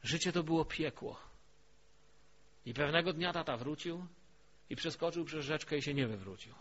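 A man preaching a sermon in a storytelling way, dropping to a hush and then rising to emphatic peaks. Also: a little high, expressive, normal speed. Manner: storytelling, swings from hushed to emphatic. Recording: dull lo-fi recording.

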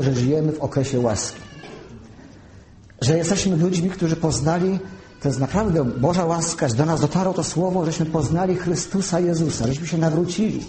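A man delivers a careful teaching sermon, pausing to spell out each term. His voice sits a little high but sounds mellow and warm. The room around him is echoey, with a faint hum of ambience. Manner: measured teaching, spells out terms slowly. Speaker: preacher.

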